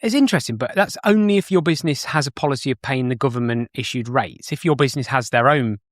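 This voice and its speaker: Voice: mid-range voice, quick pace, no room sound. Brief: business-owner co-host, casual and skeptical, tag questions, dry close mic. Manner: chatty, questioning, often ends with tag questions. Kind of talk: casual podcast discussion.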